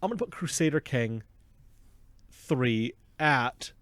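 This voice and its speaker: A man's voice: medium pitch, animated, slow pace, fairly bright tone, dry recording. A man co-hosting a casual gaming podcast, chatting playfully and joking with his co-host. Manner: playful, jokey, reads ad copy with mock drama.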